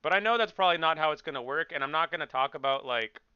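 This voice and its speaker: Bright-voiced joking male game streamer. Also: a little high, animated, very fast, clean tone, no room sound, highs cut off. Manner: joking, rambling, repeats himself. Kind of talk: casual chat with stream viewers.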